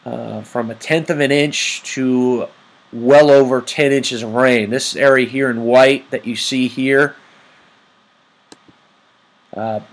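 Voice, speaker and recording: A man presents an informal weather report over maps, speaking haltingly with frequent ums as he goes. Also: mid-range voice, fairly even intonation. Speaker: amateur weather report host.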